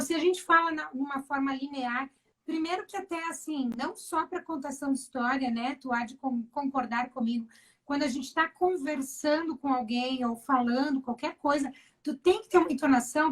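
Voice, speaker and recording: A woman with a high voice hosts a casual live interview. She talks with enthusiasm and often tacks a quick question onto the end of her sentences. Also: low-quality recording. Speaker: host of a live stream for teachers.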